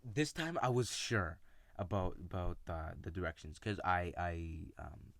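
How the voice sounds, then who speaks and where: Male storyteller, low pitch, relaxed and halting, dry close recording. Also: no room sound. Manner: casual, halting, with many fillers and restarts; retells friends' lines in his own voice. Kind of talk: personal storytelling.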